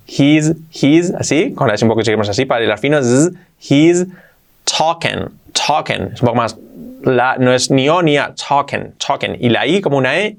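Spanish-speaking teacher drilling English words. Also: male voice, medium pitch. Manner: repeats words slowly for pronunciation drills. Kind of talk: online English lesson.

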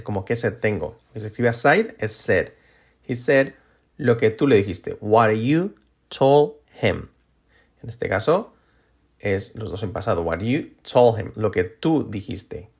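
Man teaching english, low voice, takes it slow, says every phrase twice. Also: husky. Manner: slow, repeats example phrases for learners. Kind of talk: language lesson.

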